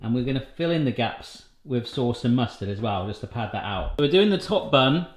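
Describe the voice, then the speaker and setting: A man with a mid-range voice and lively intonation talks briskly as he hosts a home cooking vlog. He chats and cracks jokes while covering each baking step, and the recording has echo and faint noise.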